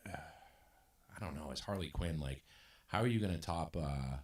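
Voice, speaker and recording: A man's voice: a bass voice, normal speed. A man hosting a casual podcast chat, rambling with lots of fillers and restarts. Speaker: podcast host.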